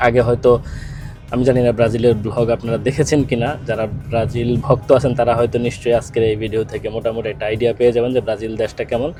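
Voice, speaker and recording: A man's voice: medium pitch, little pitch movement, fast, music in the background. Chatty man vlogging outdoors. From Bangladesh. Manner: chatty and hesitant, with many fillers. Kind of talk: casual travel vlog narration. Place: outdoors, then in a car.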